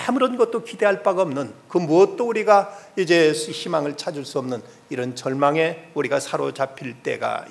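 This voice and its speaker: Middle-aged pastor guy preaching sunday sermon, kinda high voice with lots of grit, earnest storytelling. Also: vocal fry.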